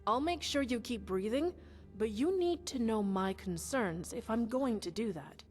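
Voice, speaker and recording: A woman's voice: fairly high pitch, animated, measured pace, faint music behind. A woman voicing a frank, bitter bodyguard. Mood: resentful. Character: blunt young female bodyguard, resentful but honest. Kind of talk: modded video game dialogue.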